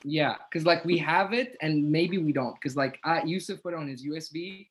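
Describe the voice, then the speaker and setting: Casting: young male podcast co-host, lightish higher voice, chatty slangy storyteller among friends. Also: moderate pace. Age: young adult. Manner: slangy, heavy use of "like" and "bro". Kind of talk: casual storytelling and banter.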